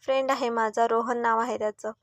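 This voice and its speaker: An easygoing young man in a storybook tale, as a woman reads him, calmly reassuring his mother. The voice stays soft and even. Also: a little high, brisk, no room sound, lightly acted. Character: young man, calm grown son.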